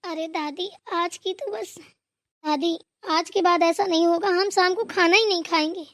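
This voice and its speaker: A woman voicing a flustered young daughter-in-law who protests excitedly in a comic family skit. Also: very high voice, normal speed, no echo, studio quality.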